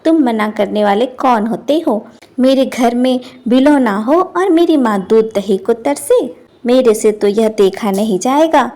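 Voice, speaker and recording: A woman's voice: fairly high pitch, darkish tone. A woman voicing a stubborn, quarrelsome old village wife who scolds defiantly.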